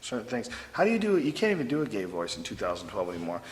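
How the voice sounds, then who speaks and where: A man in his forties hosting a casual backstage chat, loud and joking, swearing freely. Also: fairly low pitch, wildly swooping pitch, very fast, long reverb tail, low-quality recording. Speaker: podcast host. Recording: faint background noise.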